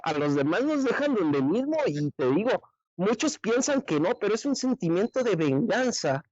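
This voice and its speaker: Blunt man, fairly high voice. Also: big pitch swings, moderate pace, darkish tone, dry recording, highs cut off. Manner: blunt and colloquial, full of slang and restarts. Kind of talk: political commentary on a call-in radio panel.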